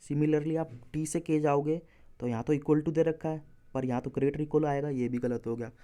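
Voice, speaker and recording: A man's voice: on the high side, steady tone, normal speed, warm tone. A man teaching exam reasoning, explaining step by step and correcting himself. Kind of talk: exam-prep lesson walking through answers.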